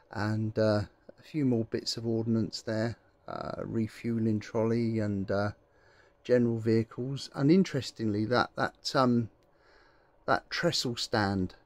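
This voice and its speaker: Man in his 60s, casual hobby chat, rambling, hesitant, lots of ums. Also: medium pitch. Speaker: scale model hobby vlogger. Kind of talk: casual chat while model building.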